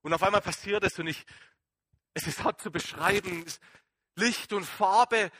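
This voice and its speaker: A man playing the Apostle Paul in a dramatic first-person sermon, emotional and halting, moving between excited outbursts and hushed awe. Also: high-pitched, breathy edge. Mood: awed, fervent. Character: Apostle Paul as a man, shaken and fervent, recounting his conversion.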